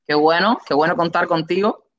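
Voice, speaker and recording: A young man with a Cuban accent hosting a live online interview, announcing with enthusiastic, drawn-out emphasis from a room on his webcam. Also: on the high side, a bit bright, muffled recording. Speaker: host. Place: indoor room. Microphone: webcam, video call.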